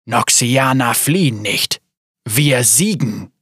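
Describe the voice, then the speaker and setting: A man's voice: mid-range voice, lively intonation, slow, a bit bright, slightly rough, no echo, studio quality, exaggerated voice. Darius, a growling stern general, as a man reads him. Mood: grim. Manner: growling, clipped. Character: stern grizzled male general, cold and commanding. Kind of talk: storybook reading.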